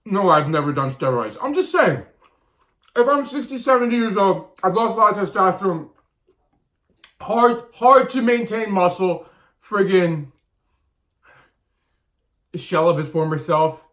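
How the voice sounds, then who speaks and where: A man's voice: sits high, animated, unhurried, long pauses, a bit bright. A man in his thirties talking casually to camera as a vlogger and diet coach, blunt and emphatic, often repeating his points. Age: 30s.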